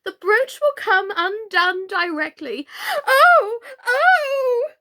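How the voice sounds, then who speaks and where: Scatty old queen, swooping high. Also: drawn-out words, full character voice. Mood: wailing, anguished. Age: older. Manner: wailing, exclamatory, squeaky when excited.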